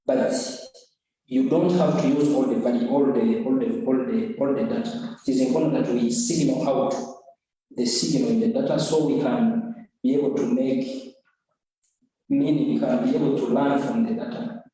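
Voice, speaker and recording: A young man from Uganda answers an examiner's questions earnestly, pausing and repeating words as he works out his points. His tone is dark and mellow. He sounds distant, caught in a strongly echoing room. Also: medium pitch. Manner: earnest, hesitant, repeats words while explaining. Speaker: student defending an essay. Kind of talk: academic oral examination. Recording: echoey room from far off.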